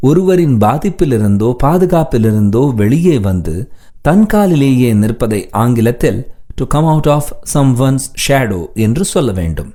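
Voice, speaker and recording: A man who speaks Tamil natively teaching a spoken English lesson, reading example sentences slowly and deliberately between quicker explanations. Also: medium pitch, big pitch swings, warm tone.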